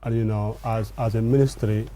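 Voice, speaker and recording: Man, lowish pitch, very soft dark tone, formal deliberate interview speech. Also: fairly even intonation, a little hiss or hum. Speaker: education ministry guest.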